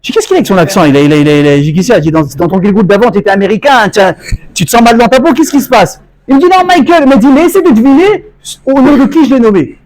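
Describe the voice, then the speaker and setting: A man's voice: high voice, rapid-fire, low-quality recording. A man, a rabbi, giving a Torah lecture to a congregation, telling stories and acting out dialogue. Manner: animated storytelling, acts out dialogue.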